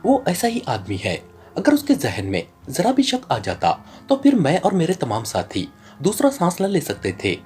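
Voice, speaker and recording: A narrator in an audiobook speaks as a ruthless male criminal boss who turned informant, offering long, earnest explanations at a moderate pace. The medium-pitched voice is a little mellow with huge pitch swings, and there's a slight hiss or hum.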